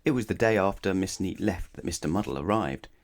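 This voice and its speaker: A man with a low-pitched, expressive voice reads a bedtime story aloud to children. He builds drama with pauses and poses questions to whoever is listening.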